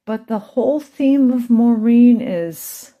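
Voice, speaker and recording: A woman's voice: on the high side, takes it slowly, mellow. A woman and mother telling a rambling, emotional personal story to her channel's viewers. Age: adult with children. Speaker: channel host.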